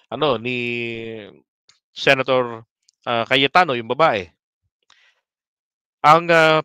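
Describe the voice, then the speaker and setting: A man's voice: a little high, pushed and bright, clean tone, no room sound. A man giving casual political commentary to his viewers, politely asking them rhetorical questions and mixing in English words. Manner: polite, addresses audience respectfully.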